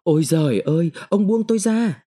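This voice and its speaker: A woman's voice: sits low, very animated, fairly quick, dark tone, husky, pitched above the performer's own voice, heavily acted. A man reading a story, voicing a desperate, defiant young woman mine worker who pleads and cries out. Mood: desperate, crying out. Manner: pleading, then crying out in protest.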